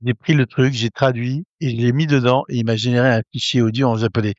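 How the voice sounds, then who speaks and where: A man hosting a casual tutorial, hesitant with many fillers and restarts, getting excited as he talks. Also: medium pitch, fast, dry recording, muffled recording. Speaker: tech tutorial host. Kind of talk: casual screen-recorded tutorial.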